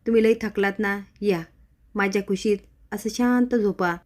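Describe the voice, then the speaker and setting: A woman's voice: medium pitch, steady tone, normal speed, close to an everyday voice. A woman voicing a young husband who is apologetic, evasive and coaxing.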